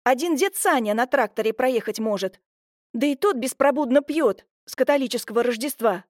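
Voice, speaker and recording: A woman voicing a bustling, scheming middle-aged village woman who talks in quick, exclamatory bursts. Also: fairly high pitch, no room sound, clean studio sound, natural voice. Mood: fussy. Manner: fast, fussy, exclamatory.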